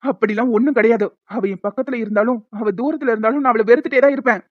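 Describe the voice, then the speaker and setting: A woman voicing a hot-tempered young cartoon man who scolds in a rush, his voice rather high for a man. The sound is dull, dry and lo-fi. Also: dry recording, lightly acted. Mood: angry. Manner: scolding, fast. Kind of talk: cartoon dialogue.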